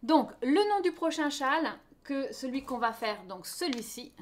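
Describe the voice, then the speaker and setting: A woman's voice: high voice, expressive, unhurried, slight background noise. Chatty woman teaching knitting. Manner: chatty, checks in often with her viewers. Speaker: knitting teacher hosting a knit-along. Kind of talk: live online knitting class.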